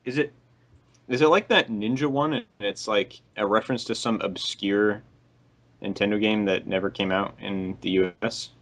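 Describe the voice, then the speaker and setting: A man's voice: fairly low pitch, normal speed, fairly bright tone. A man co-hosting a podcast in casual chat, wisecracking and laughing often. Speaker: podcast co-host.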